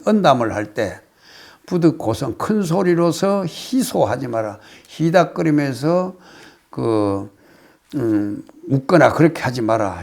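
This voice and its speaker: An older man from Korea, a Buddhist monk, giving a casual spoken lecture on a classical text, reciting phrases and then explaining them with many pauses. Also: medium pitch, vocal fry, darkish tone. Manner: explains slowly, reciting phrases then paraphrasing, with frequent hesitations.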